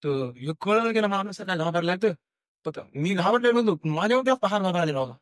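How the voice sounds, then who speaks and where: Young marathi-accented guy telling a ghost story, slightly high voice, lots of umms and restarts, dry close mic. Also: expressive, clear, resonant tone, no echo. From India. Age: young adult. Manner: halting, many fillers and restarts, acts out quoted dialogue. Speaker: guest storyteller. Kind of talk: casual podcast storytelling.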